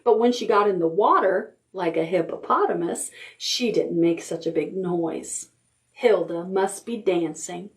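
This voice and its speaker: With a fairly low pitch, a children's librarian reads a picture book aloud to a preschool storytime group. She stretches words out in an expressive, rhythmic reading.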